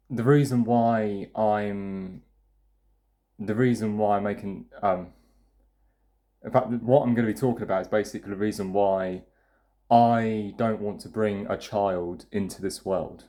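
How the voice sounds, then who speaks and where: A young man talks straight to camera in a loose, rambling rant, full of swearing and false starts. His voice sits a little low, and he keeps a plain, blunt, opinionated tone as he circles through his points. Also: steady tone, slow, long pauses, a little mellow. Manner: blunt, profane, rambling with restarts. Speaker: vlogger. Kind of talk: casual ranting monologue.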